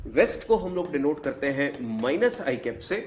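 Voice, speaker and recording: A man's voice: on the high side, very animated, moderate pace, a little hiss or hum. A man teaching a physics lesson, speaking to the students as children. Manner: calls students "बच्चों" and chimes in to echo answers.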